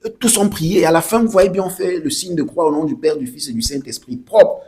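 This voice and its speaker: A man giving casual spoken commentary to his viewers, lively, often restarting and repeating himself. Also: a little high, fairly quick.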